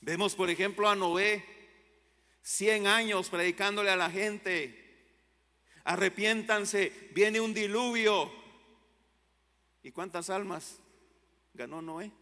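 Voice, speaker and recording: A male pastor preaching a sermon, with fervent rises to loud exclamations and drops to low, quiet lines. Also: slow, pauses often. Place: church hall. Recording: long church hall reverb.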